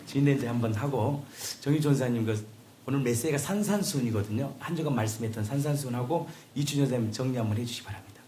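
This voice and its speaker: A pastor briskly introducing the next speaker in a church service. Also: male voice, medium pitch, mellow, slight background noise. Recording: echoey room, distant from the mic.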